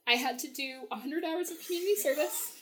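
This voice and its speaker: Chatty high-voiced young woman. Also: fairly quick, a bit bright. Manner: chatty, laughs often, many fillers. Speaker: podcast guest. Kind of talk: casual storytelling.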